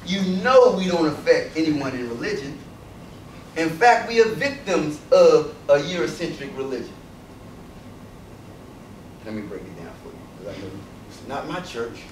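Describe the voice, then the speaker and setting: A man with a fairly high voice delivers an emphatic public speech and keeps putting rhetorical questions to a student audience. He is picked up from a distance in an echoey lecture hall, with a faint hum of room noise behind him. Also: sing-song, moderate pace, pauses often. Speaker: invited speaker addressing a student audience.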